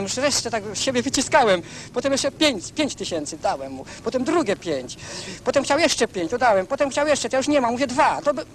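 High-voiced man in 1970s newsreel audio. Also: a little hiss or hum. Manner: rambling, fills with "prawda", restarts often. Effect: 1970s newsreel sound recording. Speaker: interviewee. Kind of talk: casual spoken account.

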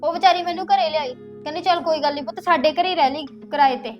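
A woman's voice: high-pitched, steady tone, fast talker, lo-fi sound, faint music behind, natural voice. An actress playing a defiant young woman in a Punjabi village drama, taunting and threatening to expose her secret husband. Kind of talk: rural village drama acting.

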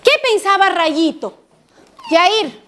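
A woman teacher telling a story to children and asking them questions in an animated, sing-song way in a rural school classroom. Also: very high voice, takes it slowly, slight background noise.

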